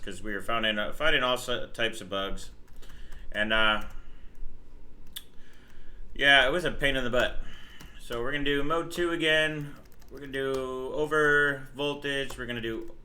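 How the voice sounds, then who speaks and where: A man's voice: medium pitch, sharp tone. A man from New Jersey hosting a casual live stream, greeting viewers and explaining computer settings as he works. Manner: chatty, greets viewers, explains overclocking settings while working. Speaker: livestream host.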